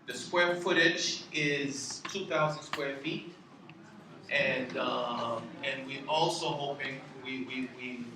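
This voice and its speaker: A Haitian-born man who owns a business, giving a halting presentation to a community board with many ums and restarts. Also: mid-range voice, fairly even intonation. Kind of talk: public meeting presentation. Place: community board meeting room. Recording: roomy hall, distant mic, background noise.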